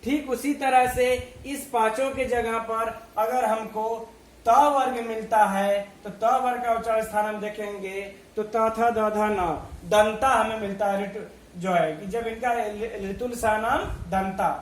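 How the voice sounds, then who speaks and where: A man giving a grammar lesson, reciting letters one by one and answering his own questions in a slow, methodical way. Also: sits high, steady tone. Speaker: Sanskrit grammar teacher. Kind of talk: online video lesson. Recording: echoey room.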